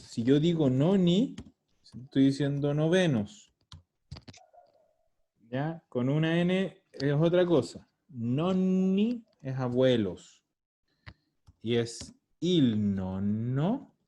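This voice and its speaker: A man's voice: medium pitch, animated, slow, pauses often, dark tone. A man teaching an online language lesson, patiently explaining and repeating words over a video call. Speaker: Italian teacher.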